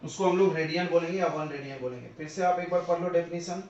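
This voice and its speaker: A male teacher lectures a class in physics, his voice pitched fairly high. He repeats himself, quizzes his students and spells out definitions slowly. The sound is a muffled, distant classroom recording with heavy echo. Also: a little mellow. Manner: repetitive, quizzes students, dictates slowly word by word.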